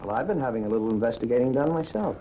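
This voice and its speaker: An actor playing a sarcastic ex-cop private detective with a Brooklyn accent, in 1940s film acting with a breezy, wisecracking delivery. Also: male voice, mid-range voice, expressive, rapid-fire, mellow, natural voice, rough recording. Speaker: private investigator. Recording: old film soundtrack with faint hiss.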